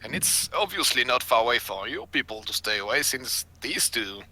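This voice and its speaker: A man's voice: medium pitch, very animated, moderate pace, pushed and bright, low-quality recording. A man playing a tabletop game, pushy and bargaining. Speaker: player. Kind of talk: casual tabletop game play.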